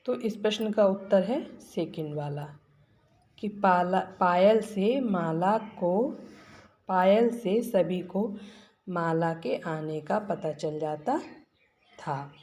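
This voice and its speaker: A woman's voice: lowish voice, takes it slowly, a little mellow. A woman teacher going through workbook answers for children, patiently asking questions and then answering them herself. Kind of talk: classroom lesson explaining workbook answers.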